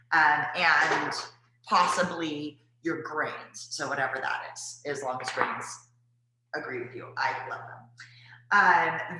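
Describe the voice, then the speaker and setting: A woman's voice: medium pitch, bright, forceful tone. A woman giving casual cooking tips to viewers, chatty and rambling with lots of fillers. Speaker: wellness presenter. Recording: very echoey room.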